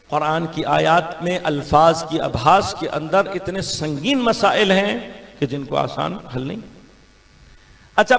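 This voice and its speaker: High gravelly preacher guy, pakistani urdu accent, sermon booming round a big hall. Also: fairly bright tone. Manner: rhetorical orator with sudden rises and falls. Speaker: Shia cleric giving a majlis. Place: large imambargah hall. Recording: long hall reverb.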